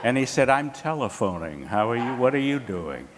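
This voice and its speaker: At a live event in a hotel room, a panelist with a mid-range voice speaking a little fast tells an anecdote. He's animated, acting out the people he quotes in lively voices. The large hall carries crowd noise.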